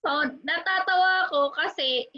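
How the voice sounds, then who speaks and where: A woman's voice: very high voice, normal speed. A young woman from the Philippines with a Filipino accent, chatting casually in a vlog, giggly and self-deprecating, with lots of fillers. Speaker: vlogger. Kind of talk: casual vlog chat mixing Tagalog and English. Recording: slightly muffled with music playing behind. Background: background music.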